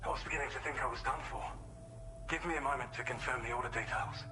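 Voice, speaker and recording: A man's voice: medium pitch, fast talker, very noisy, natural voice. An actor playing a relieved, grateful male client who thanks a courier in a video game. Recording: game audio with music behind.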